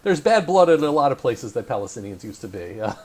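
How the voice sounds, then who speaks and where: A man's voice: medium pitch, very animated, fast talker, very noisy. A man hosting a remote interview, chatty and hesitant with many "um"s, laughing often. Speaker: interview host.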